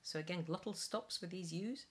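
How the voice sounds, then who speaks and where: Careful woman teaching pronunciation. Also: on the low side. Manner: slow careful enunciation with spoken explanations. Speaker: singing teacher. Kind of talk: pronunciation lesson read from sheets. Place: small room at home, indoors.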